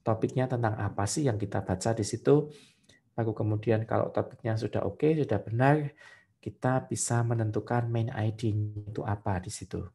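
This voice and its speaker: A male teacher leads a live online English test-prep class with a gravelly, creaky tone. He talks patiently, switching between English and Indonesian and tagging short checks onto his phrases. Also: fairly low pitch, normal speed, warm tone, faint music behind.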